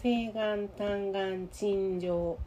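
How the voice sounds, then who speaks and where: A woman's voice: mid-range voice, drawn-out words, a little hiss or hum. A woman with a Kansai accent, co-hosting a radio talk show and telling a story in casual chat, acting out the voices of the people she met. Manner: animated, acts out quoted voices.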